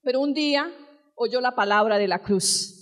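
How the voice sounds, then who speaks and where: A woman's voice: fairly high pitch, normal speed. A woman pastor preaching a sermon, telling stories and asking the congregation questions, rising to fervent exclamations. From Colombia. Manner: asks the congregation direct questions.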